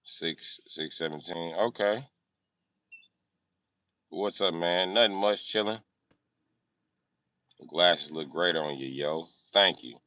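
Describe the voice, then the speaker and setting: A man hosting a livestream reads and answers comments slowly, pausing often, in a low voice that sounds pushed and bright. His casual chat is brash, jokey and slangy, laced with swearing. There's no echo.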